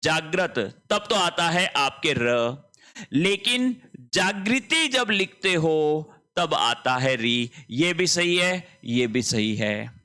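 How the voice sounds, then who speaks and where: A man teaching an online lesson, explaining slowly, repeating words and checking that students understand. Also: on the high side, very animated, bright, forceful tone. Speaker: Hindi teacher. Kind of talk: online exam-prep lesson.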